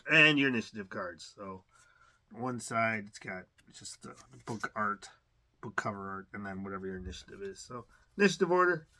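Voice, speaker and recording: An adult man with a fairly low, brisk voice hosts an unboxing channel, and there's a bit of hiss or hum in the audio. His delivery is relaxed and rambling, full of fillers and restarts, with a slight cough.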